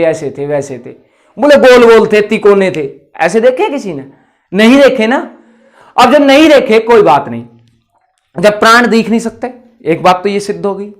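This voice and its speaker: A man's voice: sits high, a bit bright. A man teaching a grammar lesson in a chatty, rustic way, asking questions and then answering them himself. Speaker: Hindi teacher. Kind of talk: classroom lecture.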